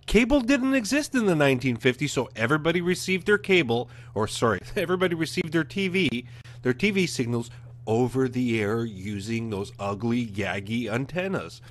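A blunt, emphatic man in his forties, hosting a casual rant from his living room. He talks straight into a studio mic at a middling pitch, pressing his points hard. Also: animated, moderate pace. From Canada. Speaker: host. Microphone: studio mic in front of webcam.

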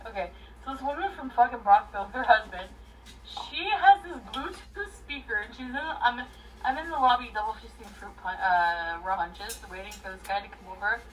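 A woman's voice: fairly high pitch, moderate pace, far from the mic, poor audio. A drunk woman in her thirties rambling and swearing casually to livestream viewers, emotional and volatile, recorded in a bedroom. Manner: emotional, swinging between crying, laughing and shouting. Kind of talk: casual live chat, rambling and profane. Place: small bedroom, indoors.

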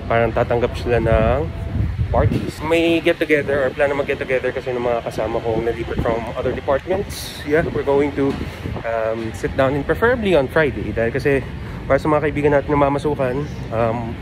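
A man's voice: mid-range voice, a little fast. A man with a Filipino accent, vlogging casually through a face mask as he walks and thinks aloud. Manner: chatty, thinking aloud with many fillers. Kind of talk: casual walking vlog, mixing Tagalog and English. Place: busy outdoor mall area in a city. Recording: noisy street ambience with traffic.

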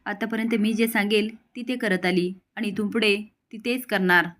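A woman's voice: mid-range voice, fairly even intonation, moderate pace, a bit bright, natural voice. A woman voicing a controlling, hot-tempered elder brother who lectures and orders. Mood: bossy, angry. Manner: bossy, lecturing.

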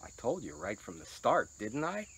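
A man's voice: on the low side, husky, rough recording. An older man who vlogs about pottery, chatting casually as he serves treats to his dogs. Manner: chatty, talks sweetly to dogs, slow and lively. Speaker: potter and vlogger.

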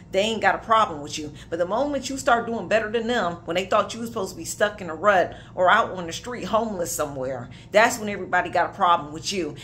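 A woman's voice: mid-range voice, pushed and bright, a little hiss or hum. Emphatic preaching woman in her thirties. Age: 30s. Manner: emphatic preaching with casual asides. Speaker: minister. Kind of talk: prophetic sermon to camera.

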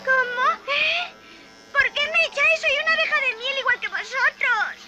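High childlike cartoon girl bee. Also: moderate pace. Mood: pleading. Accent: European Spanish. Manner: childlike, exclamatory. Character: eager giant young girl honeybee, friendly and indignant. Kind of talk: dubbed children's cartoon acting. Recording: loud music behind the voice.

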